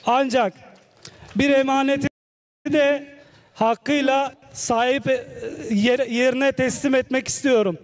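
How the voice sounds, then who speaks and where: A man giving a formal thank-you speech at a festival, in deliberate short phrases. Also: very high voice, steady tone. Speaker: local speaker at a wrestling festival.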